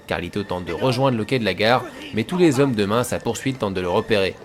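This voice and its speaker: A man's voice: lowish voice, expressive, fast talker, slight background noise. A man hosting a film analysis show, narrating a scripted video essay in an informal way that addresses viewers directly. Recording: voice-over with music behind.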